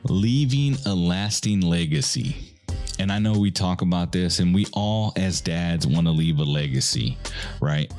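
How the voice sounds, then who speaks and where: A man's voice: low voice, a little slow, a little mellow, faint music behind. A man hosting a podcast, giving casual, earnest advice in a conversational way and often checking in with "right?". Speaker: podcast host.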